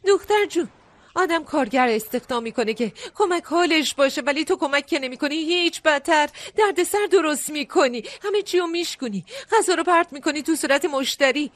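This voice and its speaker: Sharp-tongued scolding mother. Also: high-pitched, expressive. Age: middle-aged. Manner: scolding, sighing. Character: sharp-tongued middle-aged woman, her son's mother. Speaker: restaurant owner. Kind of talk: dubbed drama acting.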